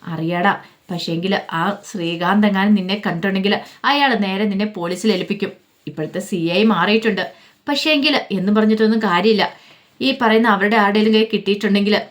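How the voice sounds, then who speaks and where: An older father and retired teacher gives careful warnings in a steady, explaining way, read by a woman. The voice stays close to the reader's own. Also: medium pitch, brisk, lightly acted. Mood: cautioning.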